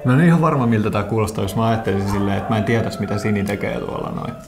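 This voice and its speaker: A young man giving excited, yelping commentary while playing a horror game. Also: on the low side, music in the background.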